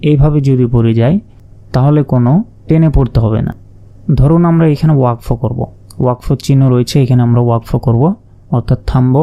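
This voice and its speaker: A man teaching Quran reading step by step, spelling out letters and drawing out the demonstration words in long, slow sounds. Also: mid-range voice, dark tone.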